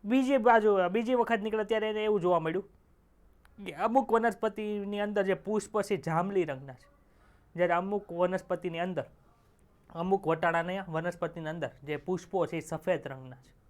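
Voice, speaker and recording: A man's voice: high-pitched, normal speed. A young male teacher, giving an online exam-prep lecture in a chatty way, telling jokes and quizzing students with rhetorical questions.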